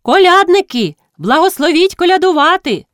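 A woman voicing a bold young village girl who leads the others and calls out loudly. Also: very high-pitched, sing-song, moderate pace, no echo, studio quality, pitched above the performer's own voice, heavily acted. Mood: calling out. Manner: shouting, commanding.

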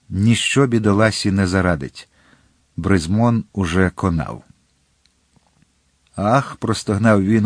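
Low-voiced man narrating an audiobook. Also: no echo, studio quality. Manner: steady, expressive reading.

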